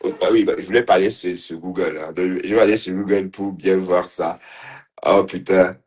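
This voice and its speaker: A man's voice: sits low, fairly even intonation, moderate pace, a little mellow. Mocking man in casual livestream commentary. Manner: mocking and teasing, laughing often, repeating phrases. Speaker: online commentator.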